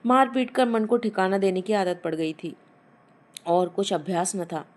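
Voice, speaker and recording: A woman storyteller reading a Hindi short story aloud in a measured, expressive narration. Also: medium pitch.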